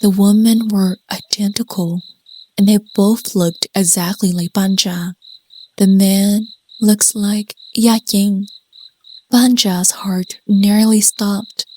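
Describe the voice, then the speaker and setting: A woman narrating a scripted folk story in a soft, hushed voice that sometimes drops to a whisper. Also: mid-range voice, fairly even intonation. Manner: soft, slow and hushed, slipping into whispers at tense moments.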